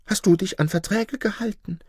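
A man narrating a fable and voicing a sly fox with lively, expressive delivery. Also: sits high, moderate pace, breathy edge, no room sound, clean studio sound. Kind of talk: storytelling narration.

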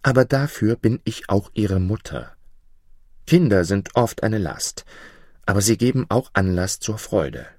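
A man voicing a poor, feisty peasant mother, speaking higher, louder and indignant. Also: lively intonation, unhurried, no room sound, clean studio sound. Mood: defiant.

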